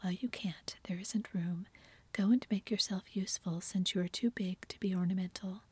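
Whispered role-play: a woman playing a tender, coaxing young sister, very breathy. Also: medium pitch, steady tone, normal speed, dark tone, no room sound. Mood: scolding. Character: spirited young woman, caring older sister.

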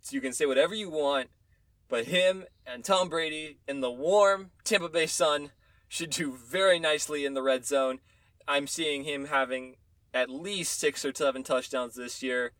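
A man's voice: fairly high pitch, normal speed, fairly bright tone, no echo. A man hosting a casual fantasy football talk, counting down his top ten picks and backing them with opinions and stats. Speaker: fantasy football podcast host.

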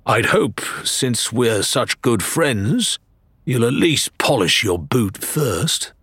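A man's voice: sits low, lively intonation, a little slow, fairly bright tone, husky, no echo, voice pushed down, full character voice. A man voicing a burly, wry sea captain in a storybook reading. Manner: wry, dry humour.

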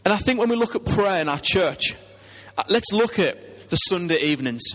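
Male preacher, Teesside English accent, high-pitched voice, earnest conversational sermon, questions to the congregation, long hall reverb. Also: animated, normal speed, fairly bright tone, slight background noise.

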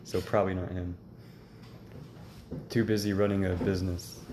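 Deep-voiced young man, dry teasing. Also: flat delivery, normal speed. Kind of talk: casual chat. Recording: echoey room with faint ambient noise.

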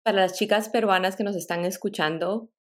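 A middle-aged woman from Peru, a tech product director, is a guest on a podcast interview, thoughtfully telling her life story with small laughs and restarts. She has a mixed Latin American Spanish accent and a medium-pitched voice with a steady tone and a fairly quick pace.

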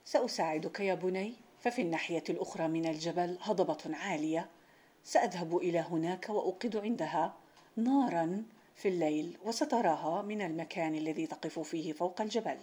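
A woman reading the lines of a wise, kind old village sheikh who speaks calmly. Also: lowish voice, fairly quick, husky. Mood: reassuring. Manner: calm, reassuring.

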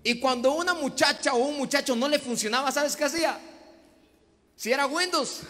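A young man with a Mexican accent preaching a lively sermon to a youth crowd in a large hall, shouting calls and joking between prayers. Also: very high-pitched, moderate pace. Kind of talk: energetic live sermon to young people. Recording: echoing hall with music behind.

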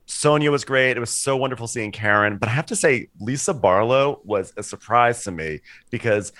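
A man's voice: medium pitch, moderate pace, fairly bright tone, dry recording. A man co-hosting a podcast in casual chat, talking loosely with lots of "like" and "sort of" and acting out quotes. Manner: chatty, heavy on "like" and "sort of", acts out quotes. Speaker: podcast co-host.

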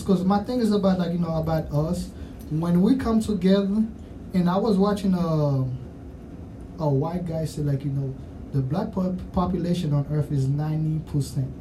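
A man with a Haitian accent interviews musicians in casual, rambling chat peppered with "you know what I'm saying." His voice is on the high side at a normal speed, recorded off-mic and far away with faint noise behind.

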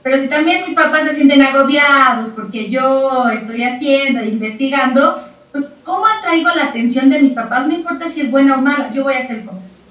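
A woman explaining child development in a lively chat, repeating words for emphasis and acting out parents and children. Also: high-pitched, brisk. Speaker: parenting expert guest. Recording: roomy sound from a distant mic.

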